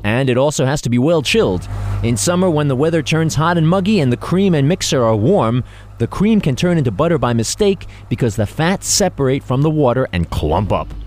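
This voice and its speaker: Male host for a chemistry explainer, playful, very expressive pitch. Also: a little fast. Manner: lively, playful delivery. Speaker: show host. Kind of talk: scripted science explainer.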